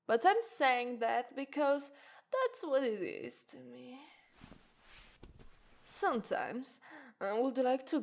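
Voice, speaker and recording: In an ASMR roleplay, a woman who is a native Italian speaker plays an alluring witch, drawling flirtatious teases in a slightly high, gravelly voice. She lingers over every word, unhurried and playful, and the performance is heavily acted.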